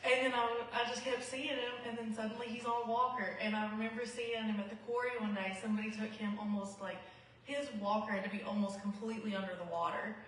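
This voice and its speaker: A woman who calls herself quiet, giving an earnest, heartfelt memorial speech. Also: fairly high pitch, level tone, quick pace, slight background noise. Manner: self-described quiet, not a talker; earnest and heartfelt. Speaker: eulogy speaker. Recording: echoey hall, mic far off.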